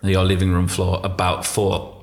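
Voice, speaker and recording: Low-voiced teasing radio host. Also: male voice, monotone, normal speed, vocal fry. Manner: teasing, dry. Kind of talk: casual radio chat. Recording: roomy with faint noise.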